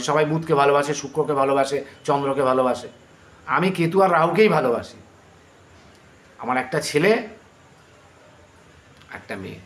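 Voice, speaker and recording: A man's voice: mid-range voice, fairly bright tone. A middle-aged man with a Bengali accent teaching astrology, earnest and pleading as he explains. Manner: earnest, pleading, chants mantras slowly. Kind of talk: astrology lesson. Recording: echoey room, faint ambient noise.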